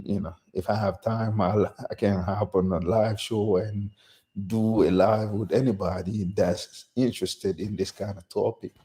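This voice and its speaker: Hosting his first relaxed solo live stream, a middle-aged Guinean channel host talks with a lowish, slightly mellow voice marked by vocal fry. He improvises as he goes, often restarting sentences and leaning on "you know."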